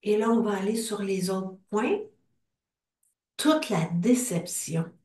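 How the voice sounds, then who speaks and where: Brief: Québécois woman guiding a group tapping session over a video call, unhurried, distant mic in a roomy space. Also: medium pitch. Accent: Québécois French. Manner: slow, calm phrases spoken for repetition.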